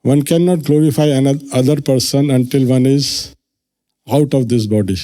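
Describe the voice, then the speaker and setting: A man's voice: medium pitch, steady tone, moderate pace, dark tone. A man giving an earnest devotional lecture at a temple, explaining scripture and acting out quoted lines. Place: temple hall.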